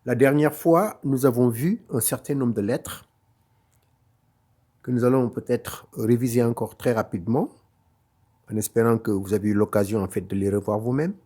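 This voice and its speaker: A man's voice: medium pitch, normal speed, warm tone. A man teaching a Quran reading lesson, patiently repeating each letter sound and explaining where it is made in the mouth. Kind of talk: slow online lesson.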